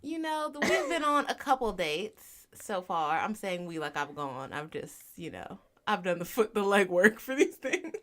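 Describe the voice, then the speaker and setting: A woman co-hosting a casual chat, animated and teasing, often breaking into laughter. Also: mid-range voice, normal speed, hardly any pauses. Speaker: podcast co-host.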